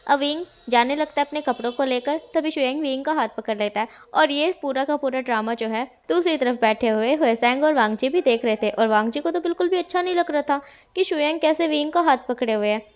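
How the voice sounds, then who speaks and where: A woman reading a fan fiction story aloud. Her voice is high, and she narrates in a plain, steady way. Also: brisk.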